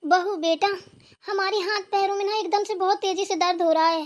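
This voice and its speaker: A woman's voice: very high voice, fairly even intonation, normal speed. A woman voicing an elderly cartoon mother-in-law who is in pain and pleading for help, in a complaining tone. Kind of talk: cartoon voice acting.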